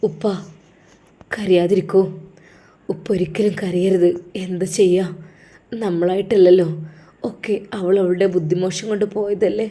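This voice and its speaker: A woman voicing a calm, kind young religious scholar who reassures a grieving father. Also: on the low side, unhurried, long pauses, natural voice. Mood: reassuring.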